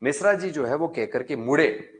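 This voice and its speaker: A male lecturer on power transmission tells an animated, colloquial story to his class. His voice sits a little above the usual male pitch, and he keeps the telling brisk and vivid. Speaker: engineering lecturer.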